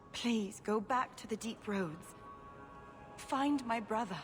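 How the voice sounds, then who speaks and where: Faint music plays behind a woman voicing an earnest, distraught noblewoman in a dramatic video game scene, pleading for help to find her missing brother. Her voice is fairly high, she draws out her words, and she sounds anxious and imploring.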